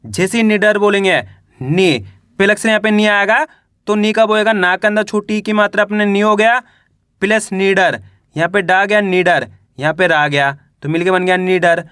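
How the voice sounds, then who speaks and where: A man's voice: high-pitched, moderate pace, fairly bright tone, smooth, dry recording, clean studio sound. A young man teaching a Hindi reading lesson, spelling out words syllable by syllable and quizzing the viewers.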